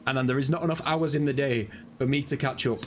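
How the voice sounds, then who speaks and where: A man's voice: mid-range voice, steady tone, fast, background noise. A man live-streaming a game, chatting casually in a rambling, self-deprecating way.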